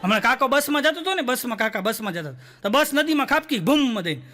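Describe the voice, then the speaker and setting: A Gujarati comedian on stage, spinning joke after joke in a strikingly high, bright and forceful voice. He slips into the characters of his tales and laughs along with his own punchlines. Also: big pitch swings, fast, slight background noise. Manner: storytelling, acting out characters with raised pitch and laughing through punchlines. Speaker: stand-up comedian. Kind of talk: stand-up joke telling.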